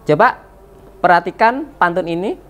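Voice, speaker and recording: A woman's voice: lowish voice, lively intonation, normal speed. A woman teacher explaining a lesson to children, patient, repeating key words and checking in with them. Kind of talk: slow classroom explanation to children.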